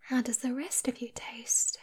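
A woman voicing a teasing, possessive female succubus in a whispered ASMR roleplay, hushing softly into a close mic. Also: a little high, little pitch movement, unhurried. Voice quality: breathy.

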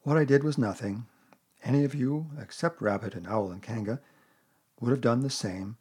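A man's voice: mid-range voice, normal speed, darkish tone, slightly rough. A man voicing a gloomy, self-important donkey in a storybook, speaking in a doleful, ponderous, long-winded way. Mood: pompous. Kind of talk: storybook character voice.

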